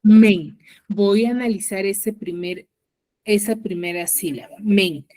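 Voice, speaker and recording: A woman teacher with a Peruvian Spanish accent, leading an online class. She is patient, repeats key words and often checks in with her students. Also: on the high side.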